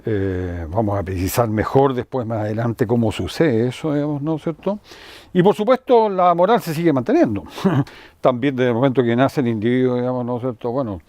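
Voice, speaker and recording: An older man giving a university philosophy lecture, digressive and full of tag questions and fillers, clearing his throat now and then. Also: medium pitch, brisk, a little mellow, no echo. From Chile.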